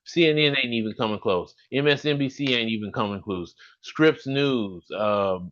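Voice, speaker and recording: The audio is dull, carrying a medium-pitched, slightly bright male voice at normal speed. He's a Southern-accented Alabaman in his fifties hosting a podcast over a video call, earnest and a little rambling, frequently restarting his sentences.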